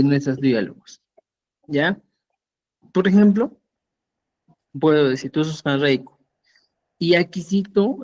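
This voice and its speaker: A man's voice: a little high, darkish tone, highs cut off. A man teaching a language lesson, patiently repeating words and often checking that his students follow.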